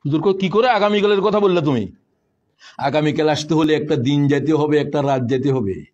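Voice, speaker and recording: A man preaching a fiery sermon, his voice sitting somewhat high. He swings from shouted rebukes to hushed, solemn asides. He fires questions at the listeners. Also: a little fast, dull audio. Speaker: Islamic preacher.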